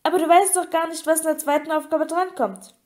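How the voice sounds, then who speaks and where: A woman's voice: very high voice, steady tone, a little fast, darkish tone, pitched above the performer's own voice. A woman voicing an anxious teenage wizard boy who talks desperately and breathlessly. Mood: bewildered.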